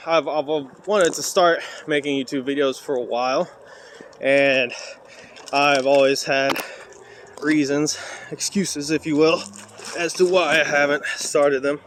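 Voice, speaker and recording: A man's voice: fairly high pitch, a little hiss or hum. A man recording a casual phone video of himself on an outdoor trail, chatting and rambling with plenty of "uh"s while he walks with a heavy sandbag. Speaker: vlogger and parkour coach. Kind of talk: casual talking-to-camera vlog. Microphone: cheap phone held while walking.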